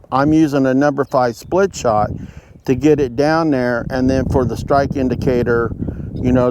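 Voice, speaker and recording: A man giving a casual, halting, folksy fishing tutorial to camera, explaining things step by step. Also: mid-range voice, a little mellow, clear, resonant tone. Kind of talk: casual instructional talk to camera. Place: outdoors at home beside a pond. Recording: outdoor ambient road noise. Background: road noise.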